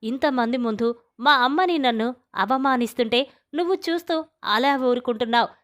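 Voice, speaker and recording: A woman's voice: a little high, a little fast, a bit bright, natural voice. A woman reading as an angry young man. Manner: heated, reproachful. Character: angry young man defending his mother.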